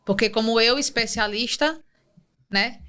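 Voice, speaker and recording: Woman guest, bright and a bit high, punchy motivational delivery. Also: a little slow. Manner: emphatic, speaks directly to the listener. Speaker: guest, emotional leadership specialist. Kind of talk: motivational podcast talk.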